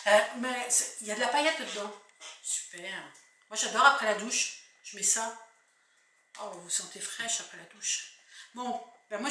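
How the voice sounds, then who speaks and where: A woman's voice: a little high, sharp tone. Chatty Picard woman in an echoey room. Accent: Picard French. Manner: chatty, rambling, restarts sentences often. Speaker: vlogger. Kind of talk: casual shopping-haul chat. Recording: echoey room, distant mic, faint noise.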